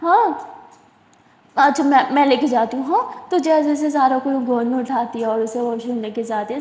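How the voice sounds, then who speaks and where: A woman's voice: on the high side, mellow. A woman casually retelling a love story in a chatty, informal way. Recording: echoey room with long reverb.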